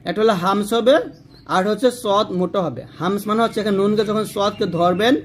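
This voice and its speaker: A man teaching Quran reading by spelling out letters and vowel marks, then slowly repeating each word three times. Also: high voice, a little hiss or hum. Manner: switches between quick explaining and drawn-out chanted recitation.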